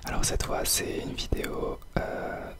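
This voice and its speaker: A man whispers softly, very close to the ear, as he gives ASMR gameplay commentary. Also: a little slow. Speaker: host of an ASMR gaming video.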